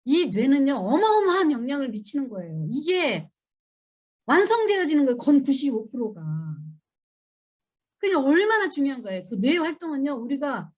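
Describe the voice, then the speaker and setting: A woman's voice: very animated, moderate pace, a little mellow. A middle-aged woman giving a church seminar lecture, emphatic and asking the audience questions. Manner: acts out children and parents in high voices.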